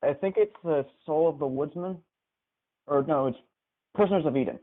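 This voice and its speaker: A man with a fairly high voice, talking at normal speed, phones into a gaming stream to chat and reminisce casually. His live call comes through tinny and narrow, like a telephone.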